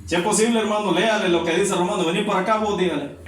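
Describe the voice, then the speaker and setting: A man's voice: high-pitched, steady tone, rapid-fire. A male pastor, preaching a sermon and putting questions to the congregation. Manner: repeats "hermano" often, exhorting. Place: church hall. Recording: echoey church from far off, faint noise.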